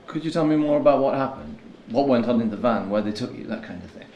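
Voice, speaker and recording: An actor playing a police sergeant who runs a formal interview and probes the witness skeptically. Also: male voice, medium pitch, expressive, quick pace, darkish tone, reverberant, lo-fi sound, a little hiss or hum, lightly acted.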